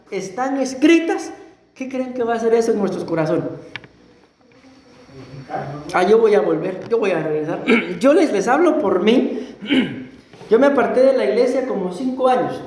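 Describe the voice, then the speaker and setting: A Costa Rican man preaching as a pastor, telling his own testimony in a conversational way, often clearing his throat and asking the congregation questions. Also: very high voice, a little mellow. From Costa Rica. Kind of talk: sermon with personal testimony. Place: church sanctuary. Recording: echoey church room.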